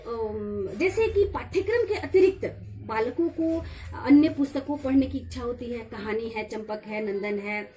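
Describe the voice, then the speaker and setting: A high-voiced woman lecturer whose pitch swings widely as she explains. Her tone is mellow rather than bright. She talks through a revision lesson patiently and slowly repeats key phrases, with fillers between points. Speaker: college lecturer.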